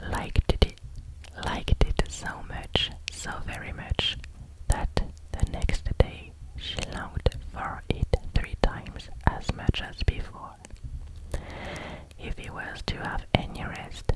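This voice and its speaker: A native French speaker with a French accent reading in a hushed, close ASMR whisper, carefully and a little haltingly. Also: rough recording. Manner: careful, halting over difficult English words. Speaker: ASMR reader. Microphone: close microphone.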